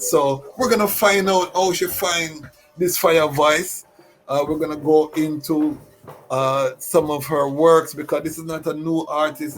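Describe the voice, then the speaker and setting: A man's voice: mid-range voice, low-quality recording. A man hosting a talk show, introducing his guest with formal, ceremonial phrasing and frequent fillers. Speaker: host.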